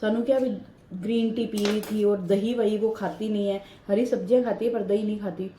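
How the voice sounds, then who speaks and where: A middle-aged woman, a family vlogger, talks casually and ramblingly to viewers in her kitchen, her mid-range voice steady, brisk and mellow. There's no separate mic, just the phone's built-in one, and the room is echoey with a little faint noise.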